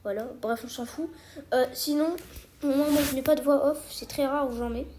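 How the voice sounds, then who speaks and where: Casting: youngster for casual creator commentary, soft dark tone, hesitant informal delivery, slightly noisy recording. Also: high voice, fairly even intonation, normal speed. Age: child or young teenager. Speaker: video creator addressing subscribers. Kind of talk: casual spoken commentary to subscribers.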